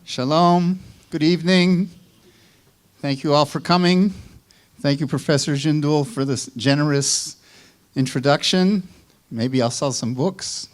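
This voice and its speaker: An older man lectures at an unhurried pace in a Chicago accent. His voice sits somewhat high for a man. He speaks in a measured way, stopping for small asides and restarts. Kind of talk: academic lecture. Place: lecture hall.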